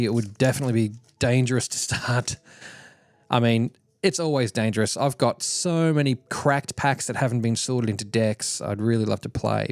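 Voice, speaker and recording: A man's voice: mid-range voice, gravelly, a little mellow, no echo. A man streaming, chatting casually and laughing often as he opens card packs and reads chat aloud.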